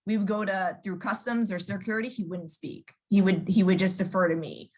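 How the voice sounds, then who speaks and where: A woman talks casually as an interview guest. She tells stories in a loose, chatty way, full of fillers and restarts, and slips into other people's voices for quotes. Her pitch sits in the middle range. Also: steady tone, a little fast. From New York, USA.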